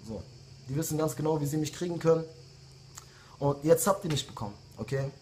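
A rapper in his late twenties fires off an angry diss video message straight at his rivals, a heated, insulting rant full of repeated jabs. His voice is a little high, brisk, and a little mellow, with a bit of hiss or hum in the recording.

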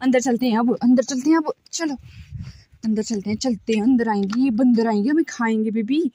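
A woman's voice: a little high, brisk, mellow, dull audio. A woman with a tired voice chatting casually in a family vlog, filmed outdoors on a handheld phone while coaxing a small child. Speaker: family vlogger. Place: outdoors at a hillside home among trees.

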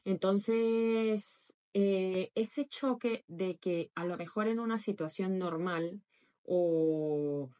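A young woman from Latin America, chatting casually to her followers in a vlog and acting out quoted voices with lively expression. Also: medium pitch, extremely slow. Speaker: vlogger.

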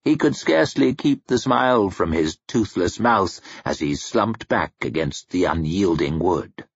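A man narrating a fantasy novel aloud in a measured, expressive scripted reading. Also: deep voice, vocal fry, breathy edge, no echo. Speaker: audiobook narrator. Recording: dull lo-fi home recording, dry.

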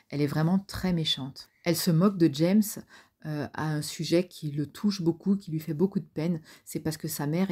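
A woman narrating an audiobook in a steady reading voice, then summarizing the story in a chatty way with fillers. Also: deep voice. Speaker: audiobook reader.

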